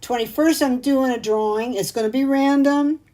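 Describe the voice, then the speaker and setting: A woman's voice: sits high, normal speed, mellow, poor audio. Chatty, rambling middle-aged woman. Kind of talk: casual chat.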